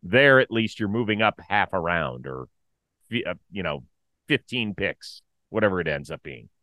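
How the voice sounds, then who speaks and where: A middle-aged man co-hosting casual sports talk, his lowish voice swinging up and down as he rattles off opinions and side remarks. The sound is close and dry, with no room in it. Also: dry recording. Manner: animated, opinionated, quick asides. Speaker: podcast co-host.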